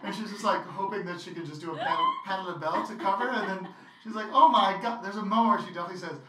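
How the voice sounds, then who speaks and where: A woman guest in a casual interview, playful and laughing, who acts out quotes loudly. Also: mid-range voice, very animated, rapid-fire, noisy background. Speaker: guest performer. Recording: echoey room from far off.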